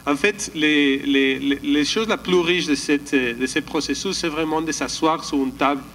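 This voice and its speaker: A man's voice: on the high side, normal speed, a bit bright, a little hiss or hum, poor audio. A man giving a slide presentation at a conference, hesitant, often restarting and searching for words. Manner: calls for the next slide.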